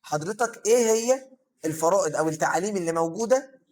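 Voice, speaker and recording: A young man with an Egyptian accent runs through vocabulary at a brisk clip, his voice sitting fairly high for a man. He poses a question and then answers it himself, with plenty of "aah" filler, like a tutor recording a review session. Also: expressive, darkish tone. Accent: Egyptian Arabic. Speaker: English teacher. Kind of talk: vocabulary lesson for secondary students.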